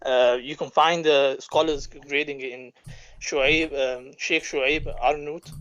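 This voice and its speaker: Measured male caller on a muffled line. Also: a little high, steady tone, fairly bright tone. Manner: measured, with many hesitations. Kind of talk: call-in debate.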